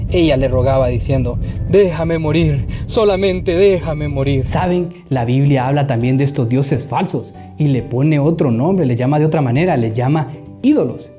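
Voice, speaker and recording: An animated man tells a Bible story to children and keeps asking them questions. His voice is fairly high but mellow. Faint music plays behind him. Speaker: children's Bible school teacher.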